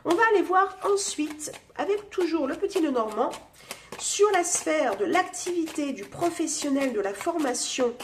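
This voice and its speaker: A tarot reader with a cold talks through her nose in a high, lively voice at normal speed, with a bit of hiss or hum in the audio. Her casual chat is full of fillers and aimed straight at her viewers.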